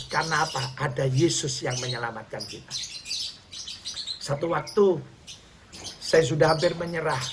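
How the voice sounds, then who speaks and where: A middle-aged male pastor, preaching a sermon and telling a personal story in an animated way, acting out the dialogue. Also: on the high side, background noise. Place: church hall.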